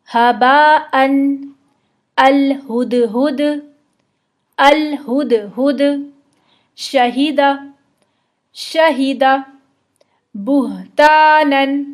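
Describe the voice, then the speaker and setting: A woman teaching Arabic letter sounds, explaining patiently and drawing out slow model pronunciations. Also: fairly high pitch. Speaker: Quran recitation teacher. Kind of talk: instructional explanation with slow demonstrations.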